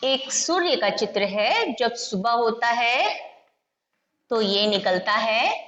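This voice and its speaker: A woman teacher giving a slow Hindi phonics lesson for young children. She stretches out and repeats each sound and mixes words into her explanations. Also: a little high, lively intonation, fairly bright tone, dull audio. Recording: echoey room with long reverb.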